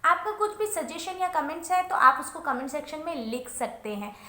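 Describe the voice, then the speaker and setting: A woman teaching phonics, mixing Hindi and English and sounding out each word slowly. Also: high voice, lively intonation, pushed and bright. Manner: switches between Hindi and English, slow drawn-out sounding of words. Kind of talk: home-recorded phonics lesson.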